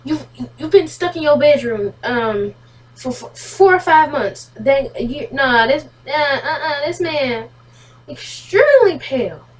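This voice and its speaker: A woman's voice: high voice, animated, measured pace, recorded from a distance. A woman chatting casually as she reacts to a video, stammering and repeating words, with slangy asides.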